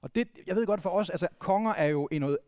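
Male pastor, from Vendsyssel, conversational sermon, tag questions, somewhat high-pitched, dry sound. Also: darkish tone, clear, resonant tone, no room sound. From Vendsyssel, Denmark. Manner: conversational preaching with frequent restarts and tag questions.

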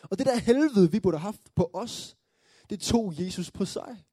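A man preaching a sermon, telling the story earnestly, checking in with his listeners through tag questions and building to joyful excitement. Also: high voice, husky, no room sound, studio quality.

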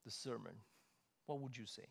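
A man delivering a sermon, moving from loud, emphatic stresses to soft, conversational asides. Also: medium pitch, normal speed, gravelly, breathy edge. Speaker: preacher. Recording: long hall reverb.

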